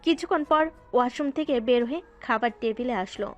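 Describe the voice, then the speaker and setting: A woman narrates a romantic audio story in an easygoing, conversational way. Her voice sits a little high. Faint background music plays under the narration. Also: a little fast, dull audio.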